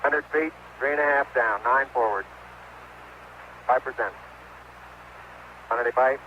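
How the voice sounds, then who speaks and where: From a lunar lander, a man with a medium-pitched voice gives clipped, matter-of-fact callouts at a measured pace. They come over a space radio link full of beeps and static, the transmission sounding noisy and dull.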